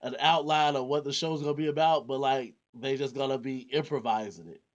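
A man's voice: medium pitch, a little fast, dull audio. A man hosting a podcast about TV shows in a casual, joking, laid-back way, speaking. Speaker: podcast host. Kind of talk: casual chat.

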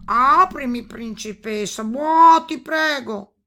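A woman voicing a big, cheeky male toad who croaks between his words in a storybook reading. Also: high-pitched, slow, sharp tone, soft background music, voice pushed up, full character voice. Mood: insistent. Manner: breaks lines with a croaking "boh".

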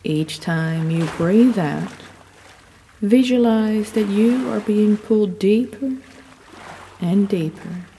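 A woman giving soothing, unhurried sleep story narration, gently guiding the listener through relaxation. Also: medium pitch. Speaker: guided sleep meditation narrator. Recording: long reverb, audible background noise.

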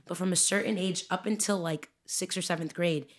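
A young woman co-hosting a podcast, talking in a casual, animated way and often laughing as she tells stories. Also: fairly low pitch, fairly quick. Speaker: podcast co-host. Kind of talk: casual chat.

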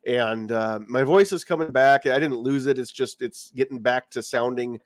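In clean studio sound with no room sound, a medium-pitched man talks at normal speed. The podcast host is congested from a fading cold and has a lozenge in his mouth while chatting casually on a live stream.

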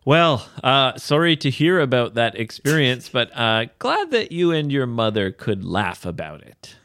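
Casting: easygoing man from Canada, podcast co-host, very slow and lively in pitch, dry close mic. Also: dry recording. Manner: easygoing, encouraging, plays with idioms. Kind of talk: casual chat.

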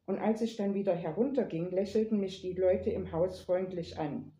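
A woman narrating a first-person story in a lively, playful manner, in an echoey room. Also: lowish voice, moderate pace. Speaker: reader.

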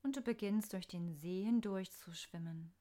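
A woman narrating a scripted guided meditation in a soft, soothing, unhurried manner with pauses. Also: mid-range voice.

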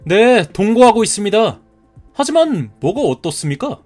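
A man's voice: sits high, big pitch swings, normal speed, a little mellow, soft background music. A man in his thirties voicing a polite but stubborn young groom-to-be who answers back in a cartoon story. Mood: pleading. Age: 30s. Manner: polite, defiant retorts.

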